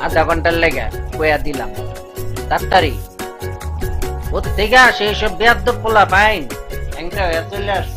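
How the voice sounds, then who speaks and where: A man's voice: high-pitched, moderate pace, long pauses, music in the background, lightly acted. A man playing a grumbling poor servant. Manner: scolding and nagging in dialect. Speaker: servant of the household.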